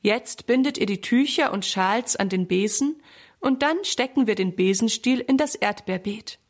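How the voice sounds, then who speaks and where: A woman voicing a patient, gentle mother in a children's story. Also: on the high side, normal speed, natural voice. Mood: kind. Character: calm, caring mother.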